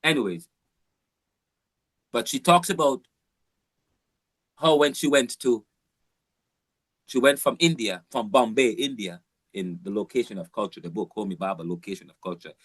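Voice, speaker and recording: A man delivers an informal university lecture, circling back on his points with emphatic repeats and restarts. His voice sits at a middle pitch. The recording is dry and close, with no room echo. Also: moderate pace, long pauses, fairly bright tone, breathy edge. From Jamaica. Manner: rambling, emphatic, with frequent restarts.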